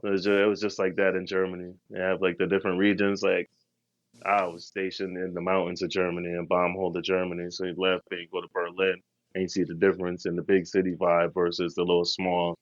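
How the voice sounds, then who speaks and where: On a muffled recording free of room sound, a podcast co-host speeds through casual, slang-filled travel tales, meandering as he goes. His low voice stays completely flat.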